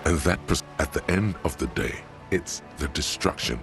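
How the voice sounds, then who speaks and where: A man's voice: rumbling low, animated, moderate pace, fairly bright tone, faint music behind. A man reading a video game's narration aloud, stumbling and restarting as he goes. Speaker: player reading game text aloud.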